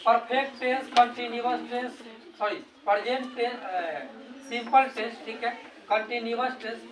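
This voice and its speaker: A man's voice: very high voice, fairly bright tone. A male teacher with a Bihari Hindi accent giving a grammar lesson, asking his own questions and answering them. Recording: echoey room, distant mic, background noise.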